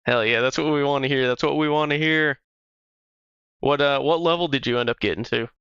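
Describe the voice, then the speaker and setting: Bright, crisp-voiced male streamer. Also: medium pitch, brisk, no room sound. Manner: loose and profane, chatting to viewers while playing. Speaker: livestreamer. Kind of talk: casual livestream chat. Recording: slightly dull stream audio with music.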